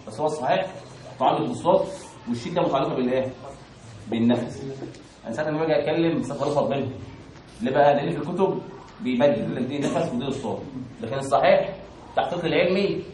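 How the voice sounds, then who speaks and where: An Egyptian man teaching Quran recitation in a quick, slightly high voice. He keeps asking questions and drills pronunciation call-and-response style. He sounds distant, as if recorded from far off in an echoey room. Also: darkish tone, a little hiss or hum. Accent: Egyptian Arabic.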